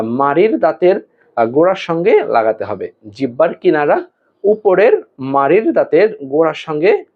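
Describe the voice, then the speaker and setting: A male Quran teacher giving an online lesson, explaining how to pronounce Arabic letters slowly, with pauses and fillers, and drawing out the letters as examples. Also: a little high. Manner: slow and deliberate, with hesitation fillers, drawn-out model pronunciations. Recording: tinny phone-like audio.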